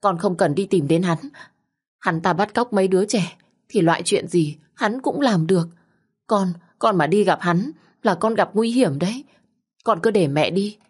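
A woman's voice: mid-range voice, moderate pace, husky, voice pushed up, lightly acted. A woman voicing a scheming middle-aged stepmother who pleads with her son, tearful and insistent. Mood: tearful begging.

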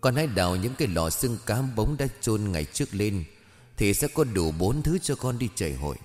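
Man doing gentle old male spirit, consoling, very low voice, faint music behind, storybook reading. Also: sing-song, fairly quick, in a large hall. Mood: kindly. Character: old male Buddha spirit, kindly helper.

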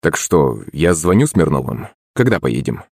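A man's voice: rumbling low, big pitch swings, normal speed, gravelly, a little mellow, husky, no room sound, studio quality, full character voice. A man reading an audiobook, voicing a stern, troubled noble father. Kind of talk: audiobook character voice.

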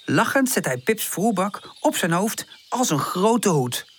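A woman narrating a children's audiobook in an expressive, sing-song way. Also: medium pitch, unhurried, husky.

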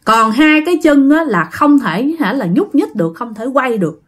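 A woman with a Southern Vietnamese accent tells a ghost story in a casual, chatty way, talking straight to her listeners. Her voice sits a little high and moves about a great deal, with lively dramatic emphasis. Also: normal speed. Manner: animated, addresses listeners directly, dramatic emphasis.

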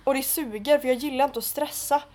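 A young woman co-hosting a podcast, chatting casually and telling stories with lively quoted dialogue. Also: high-pitched. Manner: animated storytelling, acting out quotes. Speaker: podcast co-host. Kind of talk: casual chat.

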